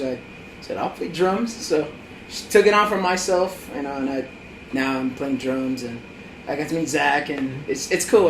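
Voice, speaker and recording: A man from the Los Angeles area, a drummer, talking in a jokey, excitable way. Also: a little high. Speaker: drummer guest. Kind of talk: casual interview answers. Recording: echoey room, faint hum.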